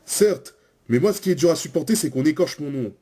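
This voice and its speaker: A man's voice: fairly high pitch, lively intonation, brisk, dark tone. A man voicing a touchy male shepherd contestant who insists on how his name is said, in a parody game show. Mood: indignant.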